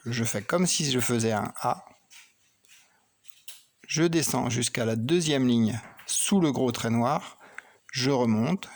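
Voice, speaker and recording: Man, teacher, unhurried, calm, spells out letters one by one, children's phonics lesson. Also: mid-range voice. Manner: slow, patient, spells and names each pen stroke as he writes.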